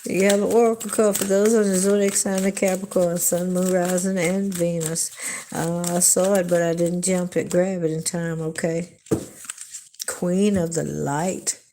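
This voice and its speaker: A woman's voice: on the low side, flat delivery, a little slow, mellow, slight background noise. A woman hosting a casual live tarot reading, chatty and emphatic, often checking in with "okay?". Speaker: tarot reader hosting a livestream.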